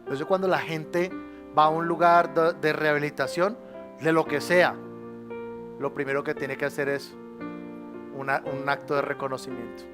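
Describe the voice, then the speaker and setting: A male pastor with a Colombian Spanish accent delivers a sermon in a notably high voice. He shifts from ringing exclamations down to near-hushed asides and calls on the congregation to repeat phrases. Faint instrumental music plays softly behind him. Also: fairly even intonation, moderate pace, pauses often. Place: church sanctuary.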